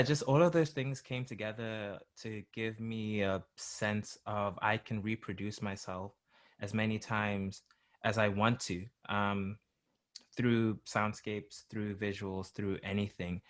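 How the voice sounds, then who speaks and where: A young man, a musician guest, from England and South Africa, talking casually in a rambling way with many fillers and restarts. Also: fairly low pitch. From born in England, grew up in South Africa. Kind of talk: casual interview chat.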